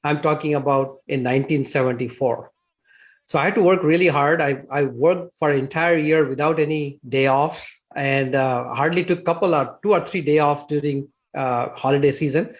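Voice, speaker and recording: A man's voice: a little high, moderate pace. A man in his sixties with an Indian accent, a guest telling his life story in an interview, chuckling now and then between thoughtful, filler-laden phrases. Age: 60s.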